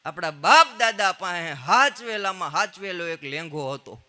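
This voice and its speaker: A man telling stand-up jokes on stage, trading quick quoted exchanges before punchlines. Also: sits high, lively intonation, sharp tone. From Gujarat, India. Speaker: stand-up comedian. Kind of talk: live Gujarati stand-up storytelling.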